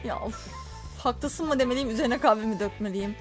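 A woman's voice: on the high side, fairly quick, music in the background. A young woman casually commenting while she plays a story game, talking with dramatic, teasing flair. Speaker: gaming YouTuber. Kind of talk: let's play commentary.

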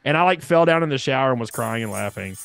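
A man's voice: mid-range voice, animated, quick pace, gravelly, a bit bright, clear, resonant tone, soft background music. A man in his thirties casually telling a rambling story on a podcast and laughing at himself. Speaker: podcast guest.

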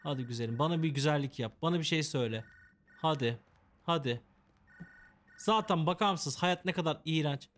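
A man's voice: fairly high pitch, fairly quick, pauses often, fairly bright tone. A man giving casual, joking commentary while playing a game, chatting to the characters and complaining in a mock-dramatic way. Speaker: gameplay commentator. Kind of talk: casual let's-play commentary.

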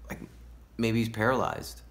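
A paranoid young stoner rambles on about conspiracies, played by a male actor in a self-tape monologue. He keeps tossing in "dude" and "man". His voice lurches from loud, high bursts down to hushed whispers. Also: level tone, a little slow, natural voice. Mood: paranoid rambling. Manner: drops into hushed whispered asides; wildly swinging pitch and loudness.

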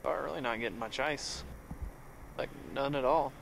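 A male pilot chats casually through an aviation headset in the cockpit of a small turboprop in flight. His medium-pitched voice is creaky and moves at a normal speed, with engine drone and background noise running under the headset audio.

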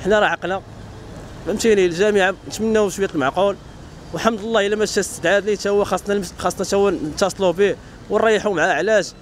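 A man's voice: high voice, fairly even intonation, very fast, slight background noise. A man with a Moroccan accent giving an indignant street opinion, talking emphatically. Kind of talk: street vox pop interview.

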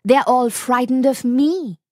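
A woman voicing a small, sly, clever male fox in a storybook reading, high and boastful. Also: slow, a little mellow, dry recording, clean studio sound.

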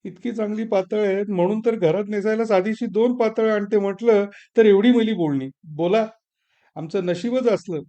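Man voicing a housewife, raised pitch, wheedling, complaining, mellow tone, storybook reading. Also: normal speed, lightly acted. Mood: tearful complaint. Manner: wheedling, then whining and scolding. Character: middle-aged wife, coaxing, easily tearful, complaining.

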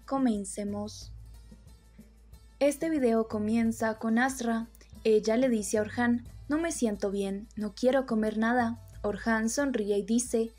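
A woman with a fairly high voice tells the story of a soap opera episode in scripted narration. She stays even and steady and reads the characters' lines in her own voice instead of performing them. Faint music plays behind her.

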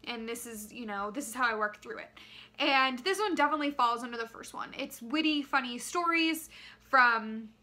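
A young woman speaks casually to camera as a reviewer. Her voice sits a little high and has a bright, crisp edge. She is chatty and expressive, leaning on words for emphasis. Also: normal speed. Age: young adult. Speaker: book reviewer. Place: small living room, indoors.

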